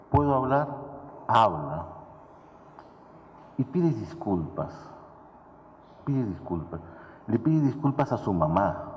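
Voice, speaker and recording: A man, a judge, telling a personal story in a public speech, with dramatic repetition and slow emphatic pauses. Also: mid-range voice, darkish tone. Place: large event hall. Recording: long hall reverb.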